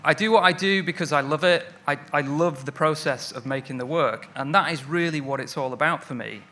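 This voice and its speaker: A Mancunian lettering artist gives a friendly, self-deprecating talk on stage at an evening event, his speech full of fillers. His voice sits fairly high and comes out bright and pushed, at a slightly quick pace.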